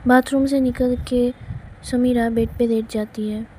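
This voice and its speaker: A woman narrating a romance story in an even, unhurried way. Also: a little high, a little hiss or hum, rough recording.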